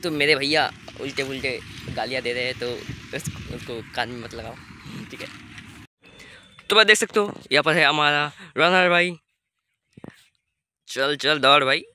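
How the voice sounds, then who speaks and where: Holding his phone's selfie camera at arm's length, a teen vlogger chats informally with viewers, repeatedly calling them "brother," outdoors on a field and then at home. His mid-range male voice has a sharp tone, normal speed, and long pauses, with a little hiss or hum.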